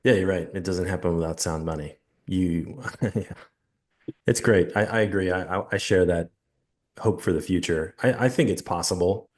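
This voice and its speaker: Very deep-voiced man in his forties. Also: moderate pace. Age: 40s. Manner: easygoing, laughs often, lots of fillers. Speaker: podcast co-host. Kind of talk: casual chat.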